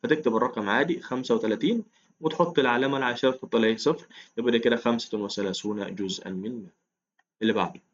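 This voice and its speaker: Fast-talking Egyptian man teaching math. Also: mid-range voice, highs cut off. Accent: Egyptian Arabic. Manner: chatty, coaxing, counts aloud, calls listener "ya 3am". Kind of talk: casual explained lesson.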